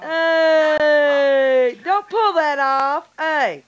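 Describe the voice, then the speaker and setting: A woman's voice: sits high, extremely slow. A woman coaxing a small child in sing-song talk at home, heard on an old VHS home video. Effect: old VHS tape sound. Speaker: family member filming a child. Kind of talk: casual home-video chatter. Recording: muffled old VHS camcorder tape with hiss.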